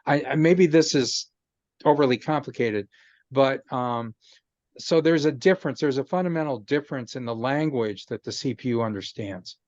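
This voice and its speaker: Over a video call microphone, a man explains chip technology as a guest in a casual chat, patient but full of "um"s and restarts. His medium-pitched voice is a little mellow and moves at normal speed. The recording is dry, with the highs cut off.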